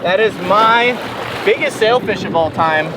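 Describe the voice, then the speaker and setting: A man's voice: high voice, measured pace. A man hosting a fishing show, talking casually to camera in an enthusiastic, exclamatory way out on a boat. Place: outdoors on a boat at sea. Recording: very noisy outdoor boat, wind and motor.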